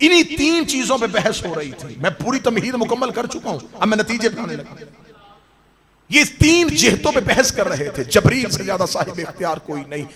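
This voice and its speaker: High-voiced man preaching to a crowd. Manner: rises from low, slow recitation to loud, impassioned, near-sung climaxes. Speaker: Shia cleric giving a majlis. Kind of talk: sermon. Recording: crowd audible behind the voice. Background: crowd reacting, cheering.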